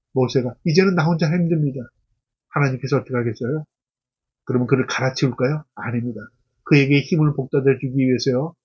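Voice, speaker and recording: A man's voice: medium pitch, breathy edge, dull audio. A middle-aged man, a pastor, preaching an earnest expository sermon, reading scripture aloud and then explaining it. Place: church.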